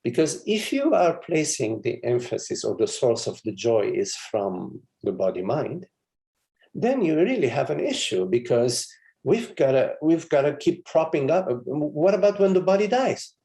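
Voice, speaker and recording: A man's voice: a little high, big pitch swings, normal speed, gravelly, dark tone. A man, a spiritual teacher, giving a meditative live satsang talk in a meandering, conversational way with frequent chuckles and asides.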